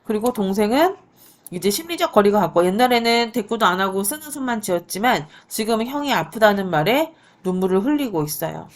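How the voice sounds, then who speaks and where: A woman's voice: mid-range voice, lively intonation, a little fast. A woman teaching literature, reading a story aloud and stopping to explain it in a chatty way. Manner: reads dialogue with light voicing, then explains in an easy chatty tone.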